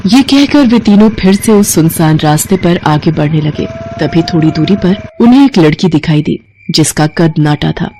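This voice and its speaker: A woman narrating a scripted cartoon horror story with steady, dramatic storytelling. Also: deep voice, moderate pace, hardly any pauses, a little hiss or hum.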